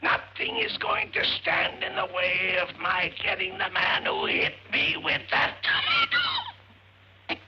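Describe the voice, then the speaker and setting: An actor playing a cranky older uncle in a 1940s film, who has lost his voice and croaks hoarsely through his lines. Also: high-pitched, wildly swooping pitch, slow pace, a little hiss or hum, exaggerated voice. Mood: gruff, grumbling. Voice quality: croaky, gravelly. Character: gruff older man, hoarse, feuding and cranky. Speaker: irritable rich uncle. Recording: muffled old film soundtrack.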